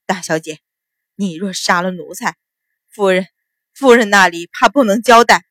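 A woman's voice: medium pitch, moderate pace, a bit bright, no room sound, clean studio sound, close to an everyday voice. A woman voicing a terrified male servant who trembles and stammers as he pleads for his life in an audiobook. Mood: trembling.

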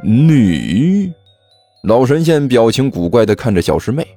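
A man narrating a serialized novel in a lively storytelling manner. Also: medium pitch, fairly quick, dry recording, faint music behind.

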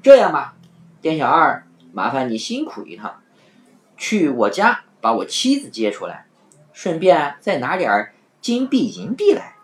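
A woman reading a children's storybook voices a sly, playful trickster man who is clever, witty and teasing. She calls his lines out loud and bright, pitched well above a plain speaking voice, with wild swoops up and down at a slightly slow pace.

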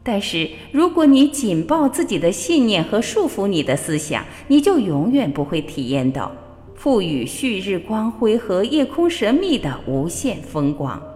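A woman radio host giving a measured, expressive spiritual reading with storytelling. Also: on the low side. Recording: long reverb with faint background music. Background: faint music.

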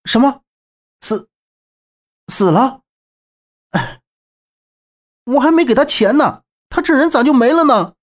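A man voicing an excitable, loud young man who shouts in a high, strained voice. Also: slow pace, exaggerated voice. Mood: shocked. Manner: shouting, indignant, high-strung.

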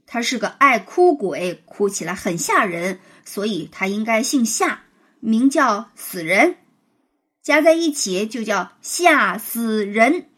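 A woman's voice: a little high, sing-song, moderate pace, hardly any pauses, husky, full character voice. A woman doing a cocky, taunting schoolboy. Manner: loud, taunting, sing-song chanting. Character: cocky mischievous schoolboy, boastful teaser.

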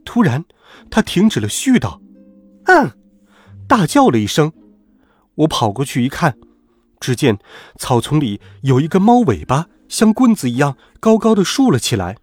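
A man reads a children's bedtime story with a lively, expressive delivery. His voice is slightly husky and a bit higher than usual. Soft music plays quietly behind him. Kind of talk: bedtime story narration for kids.

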